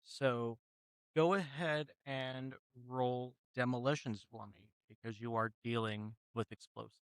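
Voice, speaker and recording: Measured male game master. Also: medium pitch, steady tone, clean tone, no echo. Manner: measured, deliberate narration. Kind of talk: narrating a tabletop game.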